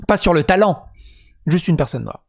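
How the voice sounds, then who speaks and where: A YouTube commentator whose first language is French reads a script, breaking in between passages with crude, sarcastic asides. His voice is on the high side, expressive, gravelly, and breathy-edged, at a moderate pace.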